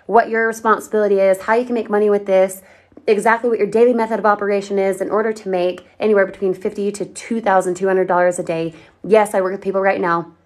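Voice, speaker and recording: A woman from Colorado hosting a livestream, giving an upbeat, persuasive sales pitch and answering viewers' comments directly. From Colorado, USA. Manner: upbeat, persuasive, talks straight to viewers and reads their comments. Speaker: online marketing livestream host.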